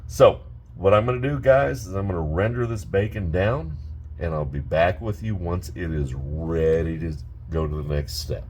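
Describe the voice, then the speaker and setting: A man's voice: low voice, moderate pace, darkish tone, a little hiss or hum. A man hosting a casual cooking tutorial from his home kitchen, chatty and talking straight to his viewers. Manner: chatty, keeps addressing viewers as guys. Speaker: cooking channel host.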